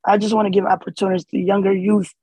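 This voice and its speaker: A man's voice: high-pitched, flat delivery, fast, mellow, breathy edge, dry recording, rough recording. A man born in Somalia and raised in the US, speaking as an interview guest in a casual, hesitant way with many fillers and restarts. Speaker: interview guest, community organizer.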